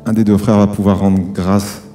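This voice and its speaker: A man's voice: fairly low pitch, level tone, normal speed, music in the background. A man leading worship, urging the congregation on and calling for amens. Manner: exhorts the congregation with calls for amen. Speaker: worship leader.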